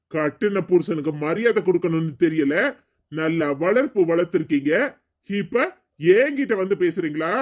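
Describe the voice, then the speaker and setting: A man voicing a proud, hot-tempered young husband in a cartoon story, scolding and threatening. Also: high voice. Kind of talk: cartoon voice acting.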